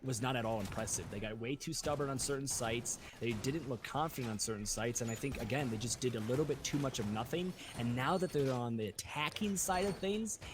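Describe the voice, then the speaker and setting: A man's voice: mid-range voice, brisk, few pauses, noisy background. Male esports caster, emphatic analyst style.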